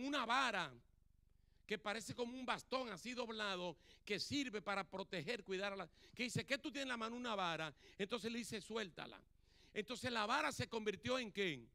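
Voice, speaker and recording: A man's voice: very high voice, pushed and bright. A male pastor preaching a sermon in a church, acting out Bible dialogue and putting questions to the congregation. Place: church sanctuary.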